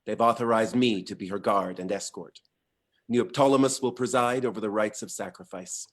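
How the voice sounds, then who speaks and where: An actor playing a calculating Greek commander, curt and matter-of-fact. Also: male voice, lowish voice, normal speed, natural voice. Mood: cold businesslike. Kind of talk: stage play reading.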